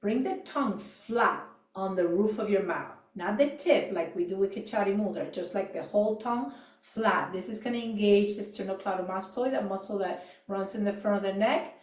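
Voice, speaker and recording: Calm woman instructor in an echoey room. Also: medium pitch, moderate pace, recorded from a distance. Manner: calm, gentle cueing with soft trailing endings. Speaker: yoga and mindfulness instructor. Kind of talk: guided movement and voice exercise class.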